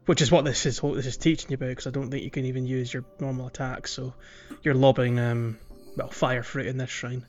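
Chuckling often, a man co-hosts a podcast, chatting casually while commenting on a video game playthrough. His mid-range voice is flat and a little fast, with few pauses. The audio sounds dull, with faint music in the background.

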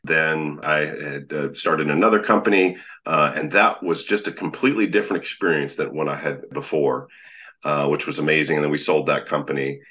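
A man with a low, magnetic, deep voice talking conversationally as a guest in an interview, on a slightly dull recording. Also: steady tone, moderate pace, bright, forceful tone. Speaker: podcast guest, leadership coach.

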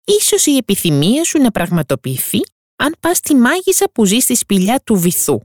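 A woman voicing a helpful octopus who confides advice in a hushed tone. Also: fairly high pitch, sing-song, no echo, clean studio sound, pitched above the performer's own voice. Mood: confiding.

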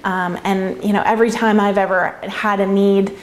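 A woman's voice: mid-range voice, level tone, moderate pace, rough recording. A woman giving casual, reflective answers in an interview, talking in a conversational way. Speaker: interviewee, winemaker.

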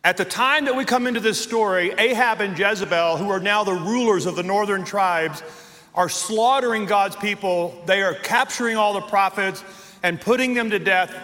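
A man preaching a sermon, telling a story with animated delivery and acting out the quoted lines. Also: high voice, normal speed. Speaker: pastor. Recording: long hall reverb.

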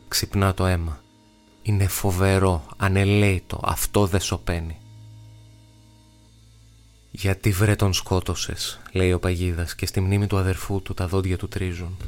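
A man reads a novel aloud in a very deep, level voice. He measures each phrase and lets pauses hang, with faint music behind him. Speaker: actor narrating a novel. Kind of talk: audiobook narration.

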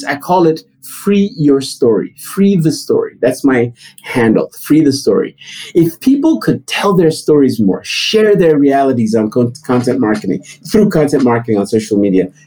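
A middle-aged man from Nigeria answering interview questions, telling stories with animated, climbing emphasis. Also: slightly rough, low-quality recording. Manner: animated storytelling, rising high for emphasis. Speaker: guest.

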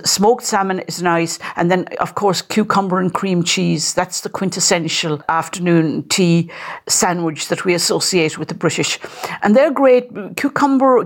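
A middle-aged woman explaining how to serve afternoon tea at home in a chatty, informal way, often repeating words as she searches for them. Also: fairly low pitch.

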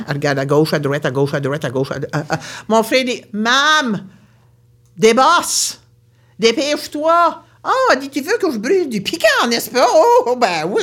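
Animated Acadian woman storyteller. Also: a little high. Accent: Acadian French. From Baie Sainte-Marie, Nova Scotia. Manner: animated, expressive, often laughing. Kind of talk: live storytelling.

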